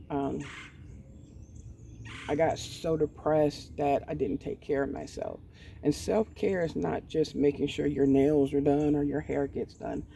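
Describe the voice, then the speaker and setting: A woman in her forties talks candidly in her garden, slow and hesitant with plenty of ums. Her voice is dark and gravelly. The mic sits away from her, with faint outdoor noise and birds behind. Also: low voice, distant mic. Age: 40s. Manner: hesitant, with many pauses and ums. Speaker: vlogger. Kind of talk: candid personal talk. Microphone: poor mic set away from the speaker.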